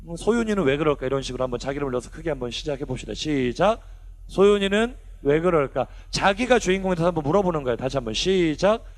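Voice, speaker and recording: Animated gravelly young pastor. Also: male voice, high-pitched. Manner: animated, asks the kids questions and acts out quotes. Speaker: youth pastor. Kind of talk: lively youth sermon. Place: church youth service hall.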